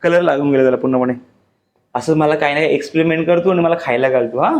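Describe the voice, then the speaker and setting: A man's voice: fairly high pitch, quick pace. A young man vlogging a casual family chat with his wife, chatty and teasing, often repeating his words. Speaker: vlogger husband.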